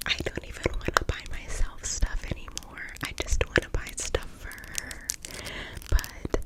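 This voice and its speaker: A young woman whispers a rambling, confiding ASMR monologue over nail tapping, sometimes repeating her words. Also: rough recording. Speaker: ASMR video host. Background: nail tapping on objects.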